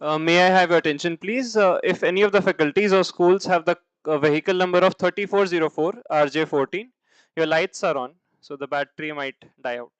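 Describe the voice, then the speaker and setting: A man's voice: a little high, brisk, smooth, no room sound. Man announcing over a PA system. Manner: polite, hesitant with filler sounds. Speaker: event announcer. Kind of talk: public announcement. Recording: dull, lo-fi sound.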